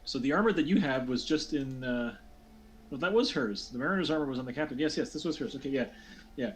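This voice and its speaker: A man's voice: medium pitch, lively intonation, fast talker, a little hiss or hum. A man narrating a tabletop fantasy game as game master, talking loosely with many fillers and restarts.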